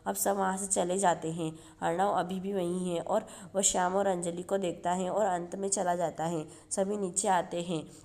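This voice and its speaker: A woman hosting her own channel, reading a TV serial episode recap in a steady read-through and reading the characters' dialogue in her own voice. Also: on the low side, normal speed, few pauses. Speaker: YouTube channel host.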